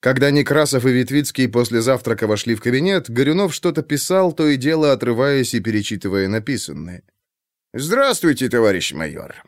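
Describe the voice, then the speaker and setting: A man narrating an audiobook in an expressive reading style. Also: medium pitch, fairly quick, hardly any pauses, dry recording, studio quality.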